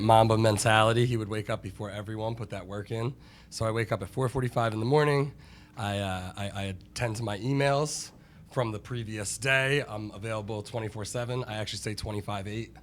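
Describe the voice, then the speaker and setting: Guy being interviewed, kinda low voice, chatty, faint noise behind. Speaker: interview guest, business owner. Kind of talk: conversational interview answers.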